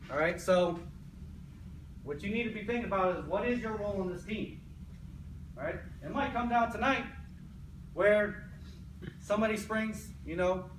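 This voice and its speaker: A man's voice: high voice, a bit bright. An American man, an army sergeant, giving a motivational pre-game speech in an emphatic, repetitive way, often checking in with "right?". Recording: echoey, noisy room, distant mic.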